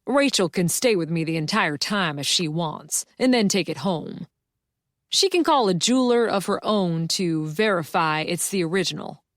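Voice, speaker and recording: A woman's voice: fairly low pitch, expressive, normal speed, no echo, clean studio sound, natural voice. Woman voicing a businesslike male detective, cozy mystery audiobook. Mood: firm, businesslike. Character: male police detective, firm and matter-of-fact.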